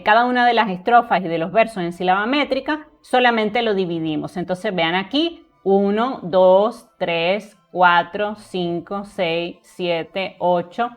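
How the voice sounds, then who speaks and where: A woman teaching a poetry lesson, explaining patiently and often checking in with her listeners. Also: mid-range voice. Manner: explanatory, checks in with frequent rhetorical tags; counts syllables aloud slowly. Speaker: literature teacher.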